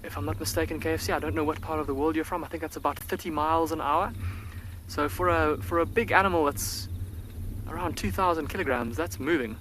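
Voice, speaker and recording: A man's voice: on the high side, fast talker, fairly bright tone, a little hiss or hum. A man working as a field guide, giving live, enthusiastic wildlife commentary from an open safari vehicle and answering viewer questions. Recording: faint outdoor bush ambience.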